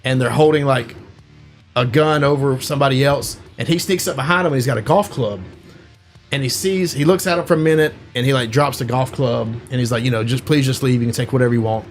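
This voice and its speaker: A man's voice: mid-range voice, fairly quick. Casual host, male, rambling storyteller heavy on fillers, faint music under him. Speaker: podcast host. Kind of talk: casual chat.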